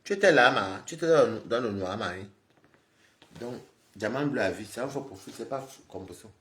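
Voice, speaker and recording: A man live streaming, scolding and lecturing his viewers in an animated, repetitive rant. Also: medium pitch, moderate pace, echoey room. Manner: scolding, animated, repeats himself, talks straight to viewers.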